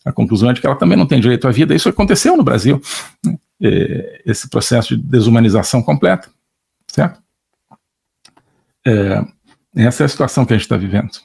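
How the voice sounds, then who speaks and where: A man's voice: mid-range voice, lively intonation, fast talker, vocal fry, long pauses, a little mellow, husky. A middle-aged man with a Brazilian Portuguese accent giving an online political lecture, hesitant, full of fillers and tag questions.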